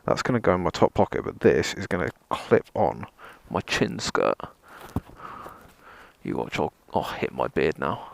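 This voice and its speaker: A man's voice: sits low, big pitch swings, unhurried, gravelly, dry recording. A man presenting a casual vlog gear test in a rambling, self-deprecating way, with dry sarcasm and some mild swearing. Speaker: motovlogger, presenter.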